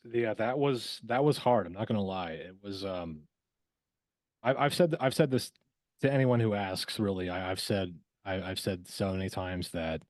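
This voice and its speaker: Appearing on a podcast, this man, a voice actor by trade, chats in a relaxed, reflective manner, stumbling and often saying words twice as he gropes for his point. His pitch is low, and the recording carries no room sound.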